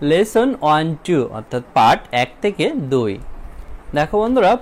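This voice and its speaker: A man with a Bangladeshi accent teaching a children's English lesson, explaining patiently and drawing out English phrases slowly. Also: on the high side.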